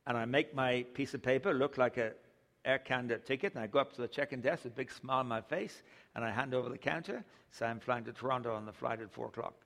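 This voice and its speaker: Speaking quickly in a medium-pitched, creaky and slightly bright voice, an older man from England preaches a sermon built on humorous stories, chuckling at his jokes. The sound has a long hall reverb.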